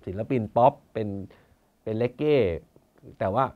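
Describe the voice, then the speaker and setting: A man's voice: medium pitch, steady tone, moderate pace, narrow, tinny audio. A man chairing a conservation foundation, talking in a casual storytelling way, blunt and colloquial, now and then acting out other people's words. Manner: colloquial, blunt, acts out quoted officials.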